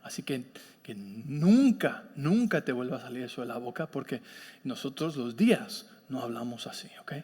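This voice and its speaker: Un pastor imitando a un padre tranquilo de acento mexicano que habla bajito, con eco de iglesia. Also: male voice, medium pitch, expressive, normal speed, husky, pitched below the performer's own voice. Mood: gentle. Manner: soft, hushed, patient. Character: calm gentle father correcting his young son. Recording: long reverb of a church hall.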